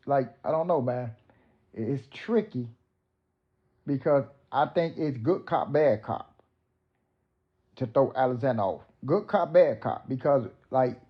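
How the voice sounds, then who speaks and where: A man's voice: medium pitch, lo-fi sound. A man hosting, giving casual commentary in loose, profane street slang. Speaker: host.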